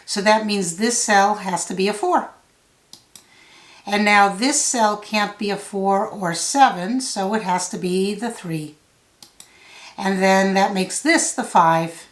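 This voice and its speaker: Slow-paced woman thinking out loud, roomy sound. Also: medium pitch. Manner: thinking out loud step by step, measured. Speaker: puzzle tutor. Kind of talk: solve-along tutorial, thinking out loud.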